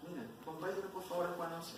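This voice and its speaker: In a church hall, a Sunday school teacher leads an expository Bible class in a fairly high, steady voice at a fast pace, constantly quizzing the class and saying "¿cierto?" often. It's recorded from far away in a very echoey, noisy space.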